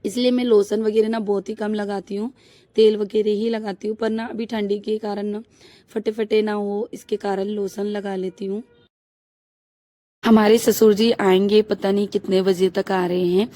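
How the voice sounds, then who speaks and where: A young housewife rambles through a casual vlog outdoors on her rooftop, her voice hoarse and thick from a cold. She talks in a flat, even tone with a dark, mellow timbre. Her chat wanders along, padded with fillers. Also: mid-range voice, normal speed, no echo. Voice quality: thick, husky voice. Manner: chatty, rambling, many fillers. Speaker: vlogger; housewife and mother.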